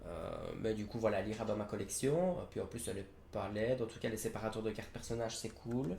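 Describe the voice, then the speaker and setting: A man's voice: on the low side, fast, gravelly, darkish tone. A young man reviewing trading card game products in a casual, hesitant way, with frequent fillers and self-corrections. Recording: roomy echo, faint background noise.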